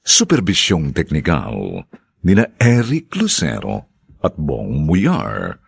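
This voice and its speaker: A man's voice: extremely low pitch, wildly swooping pitch, takes it slowly, vocal fry, husky, no room sound. A man with a Filipino accent narrating a radio drama in a solemn, declamatory, theatrical announcer's style.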